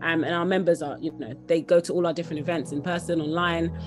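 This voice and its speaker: A young adult woman, a company founder, talks as an interview guest on a video call, conversational and enthusiastic, repeating words for emphasis. Her voice sits on the low side with a steady tone and a quick pace, and music plays underneath.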